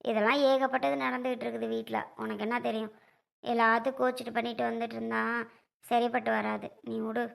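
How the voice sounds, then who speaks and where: Woman as a worn-out young wife, low and soft, gravelly edge. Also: flat delivery, fast talker. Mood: weary. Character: weary young wife, unwell, placating.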